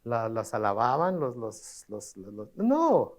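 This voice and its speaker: A man's voice: mid-range voice, very animated, takes it slowly. A middle-aged man preaching a sermon, stammering over repeated words and asking the congregation rhetorical questions. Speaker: pastor.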